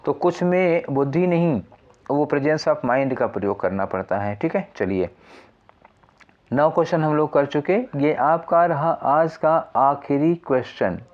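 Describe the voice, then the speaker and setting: A man's voice: on the high side, unhurried, lo-fi sound. A man teaching an exam prep lesson, explaining step by step and asking and answering his own questions.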